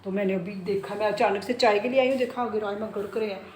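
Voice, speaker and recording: A middle-aged woman talks fast to her handheld phone camera, rambling about her day and addressing her pet around her home kitchen and bedroom. Her voice is mid-range, steady and darkish, and she's a vlogger. The audio carries a little hiss or hum.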